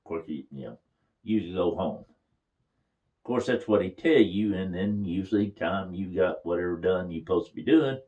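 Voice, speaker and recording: An older man tells family memories in a casual, folksy way. His voice sits a little low, and he chuckles now and then as he talks. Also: lively intonation, normal speed, mellow, muffled recording. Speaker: storyteller. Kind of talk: casual reminiscing.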